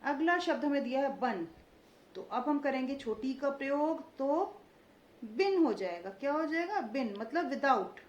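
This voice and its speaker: A young woman teaching children Hindi vowel marks, drawing out each word slowly and asking call-and-response questions. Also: high-pitched, lively intonation, echoey room. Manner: slow, drawn-out pronunciation of each word, stressing vowel length; frequent "ठीक है" check-ins and call-and-response questions. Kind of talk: children's Hindi phonics lesson. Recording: slightly dull lo-fi recording.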